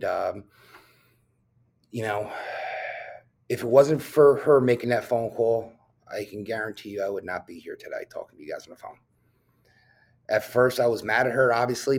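A man's voice: mid-range voice, a little mellow. A police officer from New Jersey, a man, talking as a podcast guest and telling his own story candidly, bluntly, swearing often and filling with "um". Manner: blunt and profane, with frequent fillers.

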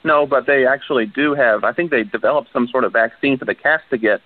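A man in his twenties calling in to a radio show over the phone, chatty and quick to laugh. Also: mid-range voice. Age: 20s. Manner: chatty, laughs often, hedges with "you know" and "um". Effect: phone line on a radio show. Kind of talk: casual call-in chat. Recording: tinny phone line on the radio.

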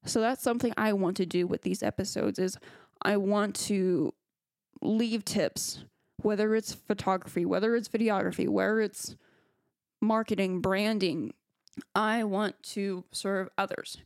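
A woman's voice: medium pitch, steady tone, unhurried, no room sound, clean studio sound. A young adult woman hosting her own podcast, talking earnestly with frequent ums and restarts. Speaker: podcast host and photographer. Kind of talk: solo podcast monologue.

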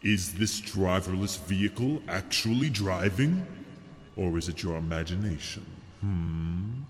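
A man playing a sardonic ghostly male tour host, narrating a theme-park ride in a slow, ominous, mocking way with sinister chuckles. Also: deep voice, a little hiss or hum. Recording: loud music bed behind voice.

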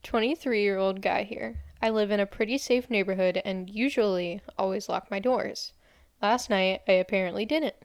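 A woman's voice: medium pitch, moderate pace, no room sound, studio quality. A young woman co-hosting a podcast, chatting casually and reading creepy stories aloud with occasional giggles. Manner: giggly, reads in a plain storytelling voice.

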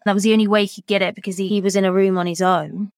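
A woman talks at length about her parrot in a casual chat. Her voice sits at a middle pitch and sounds dry and close to the mic. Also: level tone, very fast, no echo. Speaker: parrot owner.

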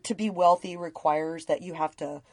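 A woman's voice: fairly low pitch, fairly even intonation, moderate pace. A woman co-hosting a casual podcast conversation, asking curious questions in a chatty way.

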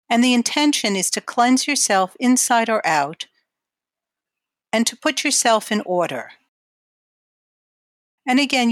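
A woman giving guided imagery exercises in a calm, measured, instructional way. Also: medium pitch, dry recording, studio quality.

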